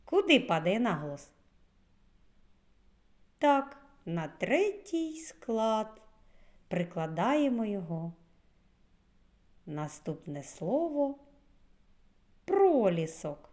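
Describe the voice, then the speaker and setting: Slow, lively-voiced preschool teacher woman. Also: mid-range voice. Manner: slow, clearly stressed words for small children. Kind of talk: children's lesson.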